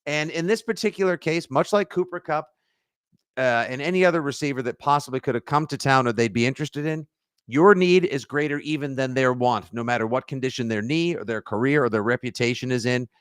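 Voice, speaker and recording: New guy cohosting a sports podcast, jokey and animated, dry sound. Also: mid-range voice, a little fast, clear, resonant tone, no room sound. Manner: animated, jokey, slips into silly voices. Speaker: podcast co-host. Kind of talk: casual sports podcast chat.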